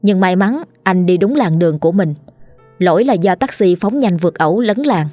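A woman narrating a scripted ghost story in a steady, measured way. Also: on the low side, dry recording, soft background music.

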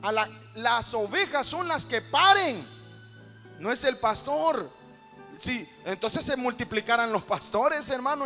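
High-voiced preacher in a reverberant church. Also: male voice, sharp tone. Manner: impassioned preaching, calls out to the congregation. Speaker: pastor. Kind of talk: sermon. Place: large church auditorium. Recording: reverberant church hall with music.

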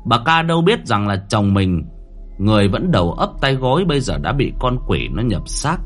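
A man narrating a horror story in a dramatic manner, slowing down at tense moments. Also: fairly low pitch, sing-song, a bit bright, soft background music.

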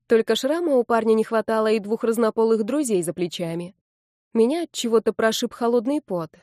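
A woman narrating a novel as an audiobook in a lively first-person storytelling manner. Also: a little high, fairly quick, dry recording, studio quality.

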